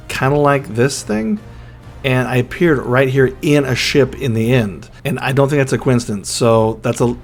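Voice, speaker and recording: Chatty man narrating his gameplay. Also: mid-range voice. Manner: chatty, drops to a hushed whisper when sneaking. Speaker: gaming YouTuber. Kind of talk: casual gameplay commentary and narration. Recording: faint music underneath.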